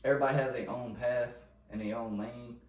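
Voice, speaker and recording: A man's voice: medium pitch, fairly even intonation, brisk, darkish tone. Rambling man, casual chat, roomy sound. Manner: loose, rambling, heavy slang and filler; trails off and restarts often. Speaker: podcast host. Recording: roomy sound, mic at a distance, faint noise.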